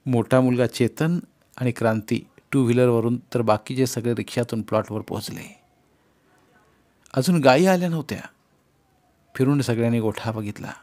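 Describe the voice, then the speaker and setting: A male narrator reads a short story aloud at a measured pace. His mid-range voice stays steady and expressive through the narration. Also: medium pitch. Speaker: audiobook narrator.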